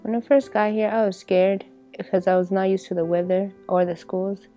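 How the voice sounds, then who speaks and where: A young woman student speaks quietly and in a subdued way about arriving in a new country. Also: medium pitch, fairly even intonation, moderate pace. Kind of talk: interview testimonial. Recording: soft music bed underneath.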